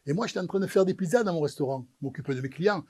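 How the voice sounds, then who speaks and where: Guy with a high voice telling a funny story, acts out all the characters. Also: racing. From Marseille, France. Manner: animated, acts out the dialogue of the people in his story. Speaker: pizza maker telling his story. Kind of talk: comic storytelling.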